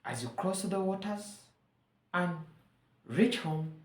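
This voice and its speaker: Speaking slowly in a fairly low, animated voice, a woman from Uganda whose first language is Luganda makes an earnest, rallying appeal to camera. She repeats phrases for emphasis in this persuasive monologue, and the sound is reverberant.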